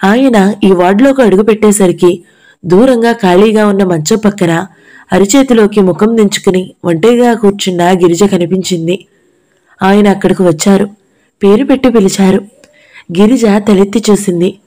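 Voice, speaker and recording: A woman reads a novel aloud as an audiobook in a steady, expressive storytelling manner. Her voice sits at a middle pitch and has a mellow, soft-edged tone. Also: moderate pace.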